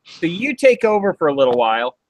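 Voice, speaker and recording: A man's voice: a little high, sing-song, fairly quick. A man in casual live stream chat, talking through his silver work as he goes. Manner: talks through what he is doing. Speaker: silver pourer.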